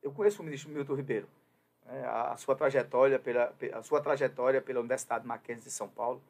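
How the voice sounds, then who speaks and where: A Brazilian man comments with his opinions on his radio or web show, starting hesitantly with many fillers before turning emphatic and insistent. His mid-range voice is fast and creaky, with a darkish tone.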